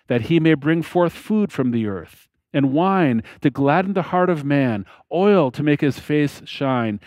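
A man in his fifties preaching a sermon from a church lectern on a headset mic, slow and deliberate, with emphatic pauses and phrase ends that fall away. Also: medium pitch, a little mellow, no room sound. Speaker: pastor. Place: church platform behind a lectern, indoors.

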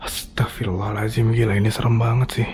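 A man's voice: medium pitch, fairly even intonation, moderate pace, warm tone, slight background noise. A man gives casual, uneasy running commentary while exploring at night, muttering spooked exclamations. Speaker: urban explorer vlogger. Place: abandoned resort at night, outdoors and in empty halls.

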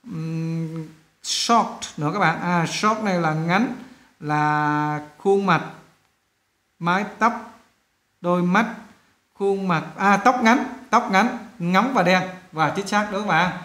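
Male teacher, patient lesson delivery, slightly high voice. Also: sharp tone, roomy sound. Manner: slows down to read sentences aloud, fills with "đó" and "à". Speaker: English teacher. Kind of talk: classroom lesson explaining sentence rewriting.

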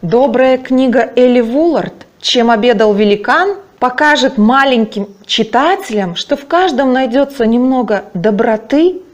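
A woman's voice: fairly high pitch, animated, unhurried, few pauses. A woman hosting a children's reading project, cheerfully addressing young listeners. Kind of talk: friendly introduction to a children's book.

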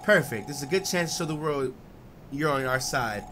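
A man's voice: mid-range voice, lively intonation, a little fast, background noise, close to an everyday voice. A man reading the lines of a cool, scheming female guild leader in a plain, dismissive tone. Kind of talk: reading game dialogue aloud.

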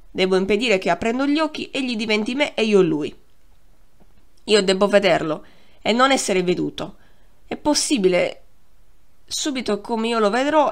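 A woman narrating a novel as an audiobook reader, in a measured, expressive reading that slows down on key phrases. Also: mid-range voice. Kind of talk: scripted literary narration.

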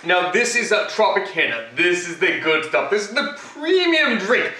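A man's voice: high voice, very animated, normal speed, bright, forceful tone, a little hiss or hum, exaggerated voice. A young man playing Batman as a boastful cooking show host, rambling with fillers in a home kitchen, picked up by a far camera. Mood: cocky. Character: Batman, grown male hero, cocky and boastful. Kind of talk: comic cooking demonstration. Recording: echoey kitchen, mic far off.

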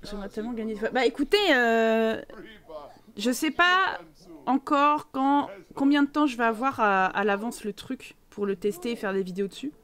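Chatty French woman streamer, high voice. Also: animated, normal speed, a bit bright. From France. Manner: chatty, rambling, many fillers. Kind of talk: casual live game commentary with chat.

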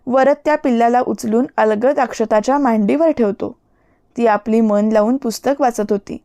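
A woman narrating a love story for an audiobook in a steady, even storytelling manner, on a close mic. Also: on the high side, normal speed, no room sound.

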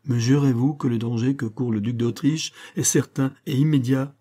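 A man's voice: medium pitch, steady tone, moderate pace, dark tone, pitched above the performer's own voice, natural voice. A man reading the part of a young queen who pleads and prays with fervor in an audiobook. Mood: anguished. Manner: pleading, fervent. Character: young queen, anguished and devout.

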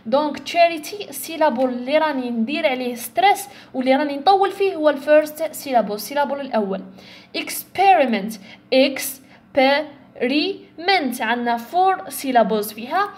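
A young woman with an Algerian Arabic accent, explaining an English exam step by step and slowly sounding out English words to show where the stress falls. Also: sits high, animated, a little mellow. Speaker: English tutor. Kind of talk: exam-prep lesson.

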